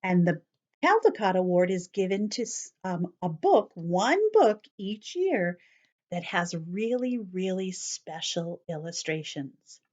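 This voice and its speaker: As a children's storyteller, a woman reads a picture book aloud to young kids, explaining words along the way and sometimes dropping to a whisper. Her voice is on the low side, sing-song, slow, and a little mellow.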